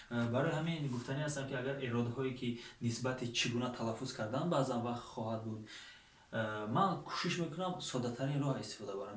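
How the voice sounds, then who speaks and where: A man with a Tajik accent teaching English online, giving plain, patient explanations with many fillers. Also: mid-range voice. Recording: echoey room from far off.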